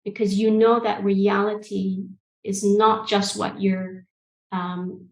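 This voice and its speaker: A woman's voice: mid-range voice, slow pace, gravelly. Thoughtful woman on a roomy video call. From Egypt and the UK. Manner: thoughtful, calm, hesitant with ums. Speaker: guest coach. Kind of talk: interview answers, reflective. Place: room with bookshelves. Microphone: earbud mic on video call.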